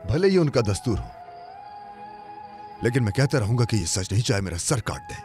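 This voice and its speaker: Man playing a defiant young man, scornful of idols, lively swinging pitch, dubbed film, music and crowd behind. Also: a little fast, natural voice. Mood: earnest. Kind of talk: Urdu dubbed film acting.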